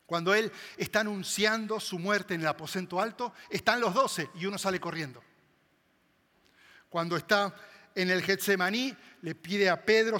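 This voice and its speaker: A man preaching a sermon, swinging dramatically between loud emphasis and hushed tones. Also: sits high. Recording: long hall reverb.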